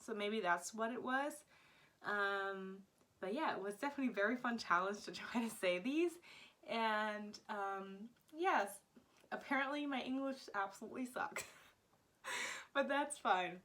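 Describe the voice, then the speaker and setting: A woman's voice: medium pitch, a little slow, a bit bright. A young American woman from Florida chatting casually to camera as a vlogger, giggling often and filling her talk with "like". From Florida, United States. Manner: giggly, laughs often, chatty with many "like" fillers. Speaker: language vlogger.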